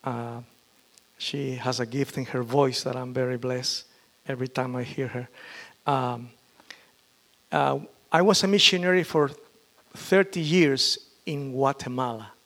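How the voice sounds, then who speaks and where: Pastor, halting delivery. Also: male voice, mid-range voice, fairly even intonation, fairly bright tone. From Peru. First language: Spanish. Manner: halting, with frequent fillers and restarts. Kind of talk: testimony sermon.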